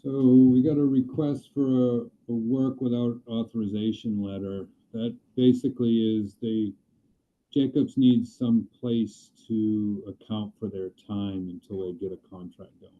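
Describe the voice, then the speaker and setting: A fairly low-voiced man talks plainly and matter-of-factly, pausing now and then as he explains a request. His voice comes through a remote computer call that sounds muffled and underwater, as if heard through a wall. The line is thin and tinny like a phone. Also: steady tone. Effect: muffled, underwater-sounding remote call audio. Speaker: airport staff reporting to a county commission. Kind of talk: meeting business talk.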